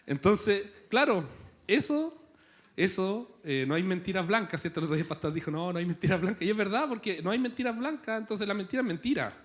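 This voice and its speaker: A man's voice: high voice, animated, fairly quick. A man with a Chilean accent preaching a sermon in a church, conversational and playful, tossing in rhetorical questions. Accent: Chilean Spanish. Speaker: pastor.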